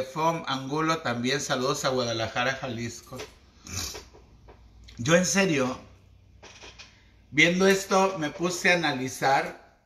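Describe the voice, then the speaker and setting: Slangy Mexican man, slow and echoey. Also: on the high side, bright, forceful tone. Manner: slangy, chatty, theatrical. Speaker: esoteric livestream host. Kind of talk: casual livestream monologue.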